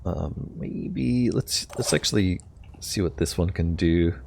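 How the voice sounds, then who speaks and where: A man's voice: low-pitched, takes it slowly, vocal fry, a little mellow, a little hiss or hum. A man giving casual gameplay commentary, thinking aloud tentatively as he plays. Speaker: gamer narrating own play.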